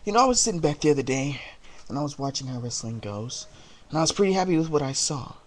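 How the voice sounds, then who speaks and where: A man's voice: a little high, lively intonation, fast. Man cutting a brooding, menacing wrestling promo. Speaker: amateur wrestler cutting a promo as a heel character.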